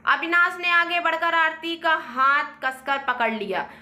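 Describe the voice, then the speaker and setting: A woman narrating a family drama story in a dramatic, expressive way. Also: very high voice, a little slow, roomy sound.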